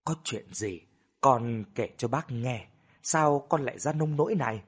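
A man voicing an older village mother who soothes and scolds in a soft, sighing way. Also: medium pitch, big pitch swings, normal speed, slightly rough. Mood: worried.

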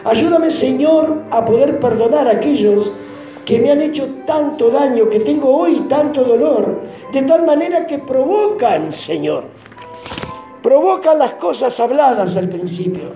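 A man preaches a fervent sermon, pleading as if praying aloud. His mellow voice swings widely up and down in pitch. The sound is roomy and echoey, with faint music underneath. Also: lively intonation, measured pace, gravelly, muffled recording. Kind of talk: emotional sermon prayer.

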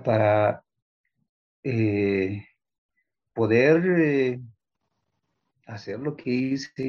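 A man with a low, gravelly and husky voice talks slowly and haltingly about his family in an interview. The lo-fi audio sounds dull. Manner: slow, halting, many fillers. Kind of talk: reflective interview talk.

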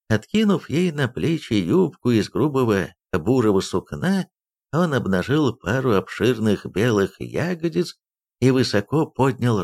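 A man narrating an audiobook in an expressive, varied way. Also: fairly low pitch, vocal fry. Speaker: audiobook reader.

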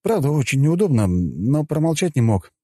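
A man's voice: medium pitch, big pitch swings, moderate pace, mellow, no echo, studio quality, pitched above the performer's own voice. A man voicing a cocky young male healer mage who teases in a mock-polite tone.

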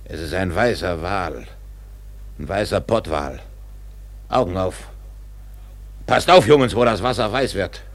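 An actor playing an obsessed, vengeful whaling captain in a German radio drama, with a husky, gravelly voice and a commanding, brooding delivery. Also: male voice, deep voice, measured pace, long pauses, no room sound. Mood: excited, rallying.

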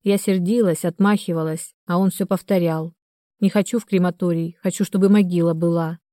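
Woman doing a hoarse cold young widow in an audiobook, a bit tipsy, low warm tone, dry sound. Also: steady tone, brisk, no echo, close to an everyday voice. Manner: cold, slightly slurred.

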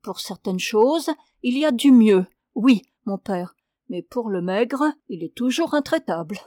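A timid, prim young wife at confession, voice lifted a little higher and brighter than the telling around her, as a woman reader puts her on. She speaks eagerly and meekly in a close, dry storybook reading. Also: expressive, unhurried, no echo. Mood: earnest.

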